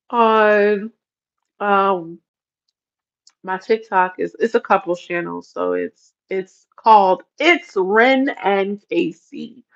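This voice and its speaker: A woman's voice: mid-range voice, dull audio. A woman chatting casually on a livestream, rambling and often laughing as she talks. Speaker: livestream host.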